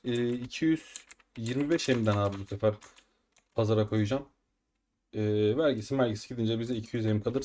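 A man casually commenting on his own gameplay as a gaming video host, excitable and quick to get frustrated. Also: medium pitch, slight background noise. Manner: excitable, frustrated outbursts while upgrading items. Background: keyboard typing and mouse clicks.

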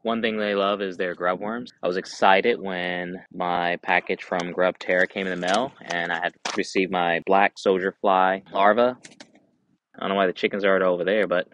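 A man in his thirties with a very low voice, talking easily and unhurriedly to a camera set a few meters away in an open backyard. He stumbles into restarts and fillers now and then. Faint outdoor noise and hens clucking sit behind him. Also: little pitch movement, normal speed, fairly bright tone, low-quality recording. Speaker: vlogger reviewing chicken feed. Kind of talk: casual product review vlog. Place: outdoors in a backyard by a chicken coop. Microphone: camera on a tripod a few meters away. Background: chickens clucking.

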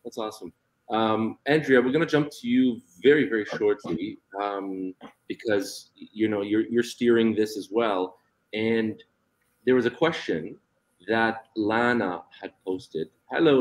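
A man's voice: lowish voice, unhurried, low-quality recording. A man hosting an online discussion, upbeat, greeting viewers and handing over to his co-host. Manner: upbeat, greets the audience, hands over to others.

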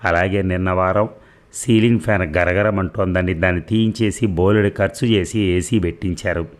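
A weary young wife from a comic audio story, hushed and grumbling about her home. The voice is low, since a man reads her part. She sounds plain rather than strongly acted. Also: fairly even intonation, normal speed, lightly acted. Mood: complaining. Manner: hushed, complaining.

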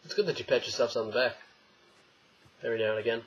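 Talking quickly in a mid-range voice, a young man jokes around and rambles at himself and the game during a casual let's play. The recording has a dull lo-fi mic sound and a little background noise.

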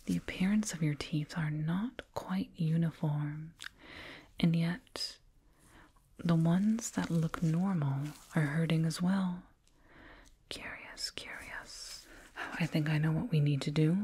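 A woman plays an alien dentist in an ASMR roleplay, heavily acted, in a low, hushed, breathy whisper recorded up close on a binaural mic. Slow, doting and clinical, she's condescending yet soothing as she fusses over her little human patient.

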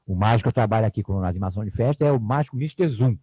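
A man's voice: on the low side, lively intonation, very fast, warm tone, breathy edge, dry recording, poor audio. A man from Rio with a Carioca accent, a ventriloquist and party magician, chatting in a rambling storytelling way in a small TV studio on a desk mic. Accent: Carioca Portuguese. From Rio de Janeiro, Brazil. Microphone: desk mic on stand.

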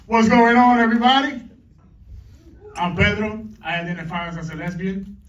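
A man's voice: high-pitched, a bit bright. A middle-aged man doing a stand-up comedy set on a club stage, teasing the crowd with crude banter. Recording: echoey club, distant mic, dull lo-fi.

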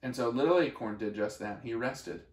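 A man reading a children's storybook aloud in a gentle, expressive way. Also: medium pitch, normal speed, echoey room. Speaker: story reader.

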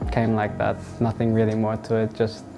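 A young man from Australia, a football player answering interview questions in a relaxed, halting way with many fillers. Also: fairly low pitch, gravelly. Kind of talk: sit-down interview. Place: indoors in front of a wall of football boots. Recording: music playing underneath.

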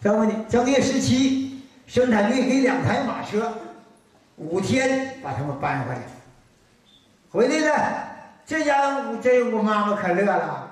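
A man's voice: sits high, big pitch swings, a little slow, long pauses. An older man from Northeast China with a Northeastern Mandarin accent, telling stories in an earthy, colloquial way during a lecture. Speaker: folk lecturer. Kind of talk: storytelling lecture. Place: lecture hall. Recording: very echoey hall from far off.

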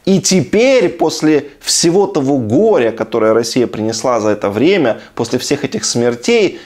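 A man's voice: medium pitch, very animated, moderate pace, a little mellow. A man in his thirties from Ukraine giving sardonic, incredulous commentary as a video blogger, recorded in a room at home. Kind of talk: sarcastic commentary on TV clips.

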